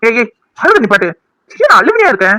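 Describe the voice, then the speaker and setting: A man's voice: very high-pitched, huge pitch swings, brisk, sharp tone, no echo, heavily acted, rough recording. A man voicing a young man in a cartoon, a spurned ex-lover who is mocking, sarcastic and scheming. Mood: dismissive.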